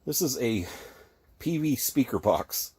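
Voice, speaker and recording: In a medium-pitched, dark-toned voice with big pitch swings, a man slowly gives a casual shop tour of his tiny outdoor woodworking space at a wooded RV park. He rambles, says um a lot, and corrects himself, sounding slightly winded. The handheld-camera recording carries a little hiss or hum.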